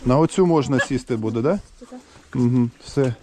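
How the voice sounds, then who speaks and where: A man working as a volunteer rescuer, calmly and practically giving reassuring instructions to people as he helps them into an evacuation vehicle outdoors. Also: mid-range voice, moderate pace, a little hiss or hum. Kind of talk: on-the-spot instructions while loading evacuees.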